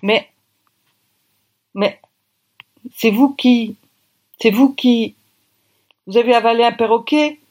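Brief: narrator as a stammering older secretary, pitched up. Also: female voice, a little fast, hardly any pauses, close to an everyday voice. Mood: startled. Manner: stammering, startled. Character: distracted older woman secretary.

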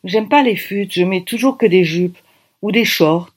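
Brief: lively conversational audiobook reader, woman. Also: mid-range voice, measured pace, breathy edge. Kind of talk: first-person novel narration.

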